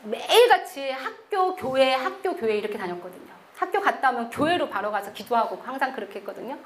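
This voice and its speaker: A middle-aged woman missionary giving a sermon-style testimony, telling her story with animated delivery and acting out the quotes. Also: high-pitched, brisk, a little hiss or hum.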